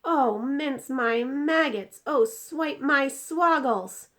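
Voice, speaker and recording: A woman's voice: high voice, very slow, fairly bright tone, pitched above the performer's own voice, full character voice. A woman voicing an indignant, distressed giant from a storybook, exclaiming in mangled grammar and drawing out words emphatically. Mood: frantic, anguished.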